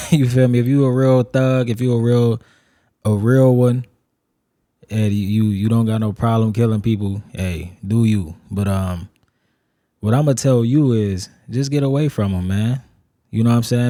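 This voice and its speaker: A man's voice: medium pitch, mellow, no room sound, clean studio sound. A man hosts a reaction video, giving slangy, laid-back commentary. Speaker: reaction channel host.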